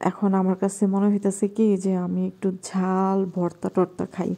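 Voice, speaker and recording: A woman from Bangladesh with a Bangladeshi accent, narrating a home cooking vlog in a soft, quiet voice at night in her kitchen. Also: medium pitch, monotone, normal speed, gravelly. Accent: Bangladeshi Bengali. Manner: talking softly and quietly at night.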